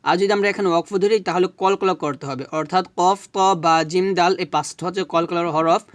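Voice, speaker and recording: High, clear-voiced male Quran teacher. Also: fairly even intonation. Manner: spells syllables slowly, then recites drawn-out Arabic. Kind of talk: spelling out Arabic recitation lesson.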